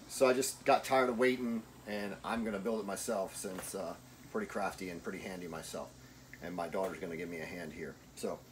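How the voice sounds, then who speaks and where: A middle-aged DIY vlogger walks through a home project step by step in his garage and yard, chatty and plainspoken. His medium-pitched voice is picked up close by a handheld camera, with a little hiss or hum.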